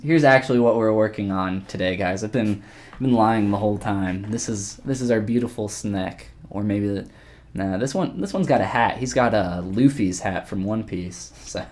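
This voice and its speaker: A man with a lowish voice gives a casual live-stream tutorial while sculpting. He is relaxed and rambling, thinking aloud and responding to chat.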